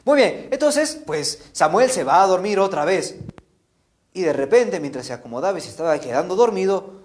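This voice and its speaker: A man telling a Bible story to children in an animated way, often checking in with them. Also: sits high, normal speed. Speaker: catechist.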